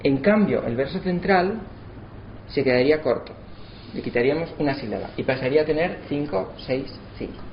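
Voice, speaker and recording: A man giving a lesson, slowing down to sound out words syllable by syllable. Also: on the high side, expressive. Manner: spells out syllables slowly to demonstrate. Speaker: lecturer. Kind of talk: explanatory lesson. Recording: slightly dull, faint background noise.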